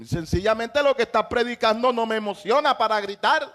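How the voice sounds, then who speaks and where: A male pastor delivers a fervent sermon in a strikingly high-pitched voice. He drives his points home by raising his voice to a shout, then drops back to plain conversational preaching. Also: a little fast. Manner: impassioned preaching with shouted emphases.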